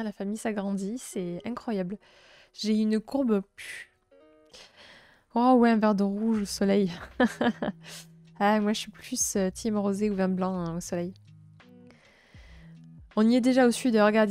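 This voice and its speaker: Soft-spoken southern French woman streaming. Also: mid-range voice. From south-east France. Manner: gentle, chatty, many fillers and restarts. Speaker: livestream host. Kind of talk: casual live-stream chat, reading chat.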